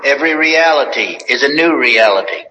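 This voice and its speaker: A man's voice: mid-range voice, animated, a little fast, bright, forceful tone, a little hiss or hum, poor audio. A man's recorded speech played backwards as a short clip, repeated several times.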